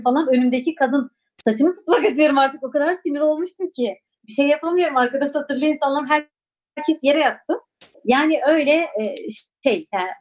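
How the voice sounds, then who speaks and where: A woman's voice: on the high side, a little mellow. A woman in her forties from Turkey, recalling her past in an interview with a reflective, hesitant manner and many fillers. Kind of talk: personal recollection.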